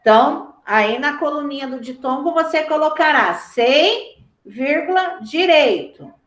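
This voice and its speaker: A Brazilian Portuguese-speaking woman teacher talks slowly and patiently, stretching out each word for her pupils. Her voice sits high and carries a noticeable room echo. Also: lively intonation, a bit bright. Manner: patient, drawn-out, repeats words for students. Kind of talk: slow classroom lesson, spelling out words.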